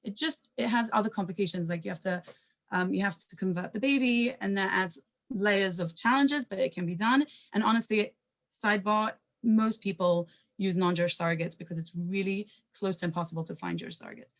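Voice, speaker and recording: Speaking on a panel in a mid-range voice, a woman shares a personal story quickly and casually, with asides, self-corrections, and Hebrew words sprinkled in.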